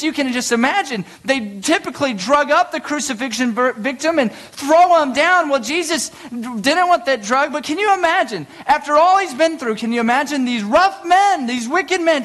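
A man with a strikingly high voice preaches a sermon in a church. He tells the story vividly, dropping low and quiet, then rising to loud, drawn-out emphasis. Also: expressive. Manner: vivid preaching with emphatic, sweeping pitch swings. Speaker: pastor. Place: church sanctuary.

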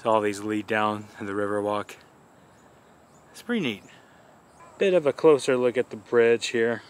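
In a clean recording, a man with a fairly low pitch and fairly even intonation talks at a normal speed. He's casually narrating an outdoor travel vlog, giving easygoing, enthusiastic commentary on a riverside walk.

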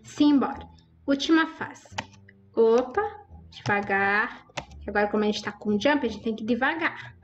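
A woman's voice: on the high side, moderate pace, pauses often, lo-fi sound, a little hiss or hum. A woman giving chatty, exclaiming commentary over her Roblox gameplay and talking straight to her viewers. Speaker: gaming YouTuber.

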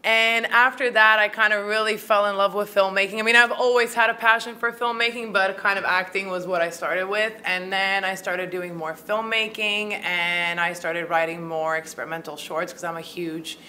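A Croatian filmmaker and actor in her thirties answers interview questions chattily, with plenty of fillers, into a handheld mic the interviewer holds in a small room at a film festival. Her medium-pitched voice is pushed and bright, with flat delivery, normal speed and few pauses, plus a little hiss or hum.

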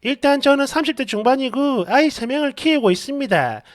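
A woman's voice: sits high, animated, brisk. A woman reading a dramatized online story in an exasperated, gossipy manner. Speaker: story narrator.

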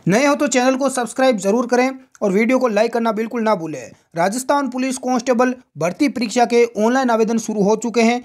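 A man's voice: extremely high pitch, fairly quick, hardly any pauses. A man hosting an informal exam news update as a coaching teacher, speaking directly to students and posing questions. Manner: direct address with rhetorical questions.

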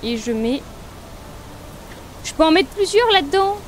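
A woman's voice: high-pitched, sing-song, measured pace, slight background noise. A woman casually commenting on her gameplay, thinking aloud and chatting to viewers and the game. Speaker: let's play streamer.

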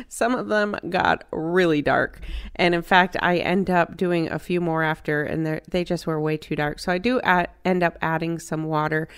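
A middle-aged woman narrating her home cooking step by step in a relaxed, chatty way. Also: fairly low pitch, clear, resonant tone. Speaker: cooking channel host.

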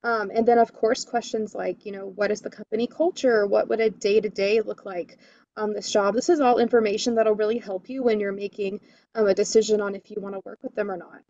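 A woman's voice: medium pitch, fairly even intonation, brisk, warm tone, no echo, lo-fi sound. Upbeat woman coaching over a video call. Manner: enthusiastic, lots of "you know" and "um". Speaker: career coach. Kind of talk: webinar coaching talk.

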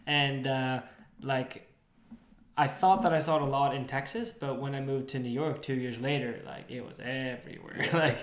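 A man's voice: medium pitch, moderate pace. A young man from Sweden, casually chatting at a table as a podcast co-host, often repeating words as he gets going. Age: young adult. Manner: animated, repeats words when starting sentences. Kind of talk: casual chat. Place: living room at a table. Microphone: desk mic. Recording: roomy echo.

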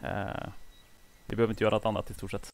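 A man on casual gaming voice chat, relaxed and laughing easily as he explains the team's plan. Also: lowish voice, vocal fry.

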